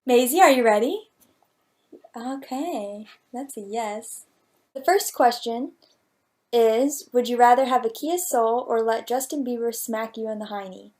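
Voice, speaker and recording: A woman's voice: a little high, a little slow, a little mellow. Playful woman chatting to camera. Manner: playful, rambling, jokey. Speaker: vlogger answering viewer questions. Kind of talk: casual chat to camera. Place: at home, talking to her cat.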